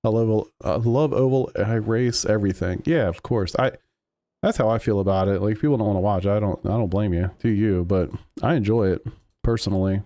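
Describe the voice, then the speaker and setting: A man's voice: fairly low pitch, brisk, warm tone. A man streaming a sim racing game, chatting casually with his chat while he drives. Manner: laid-back, rambling, answers chat.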